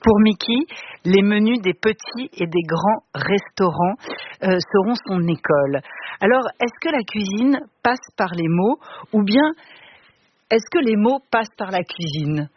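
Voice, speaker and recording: Radio host asking measured questions. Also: medium pitch, animated. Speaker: radio interviewer. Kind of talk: radio interview. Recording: muffled radio broadcast with hiss.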